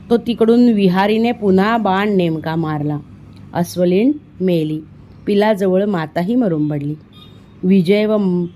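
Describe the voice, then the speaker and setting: A woman from India reading a children's storybook aloud, performing the dialogue with lively expression. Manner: expressive, voices the dialogue with rising pitch in tense moments. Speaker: audiobook reader. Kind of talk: storybook narration.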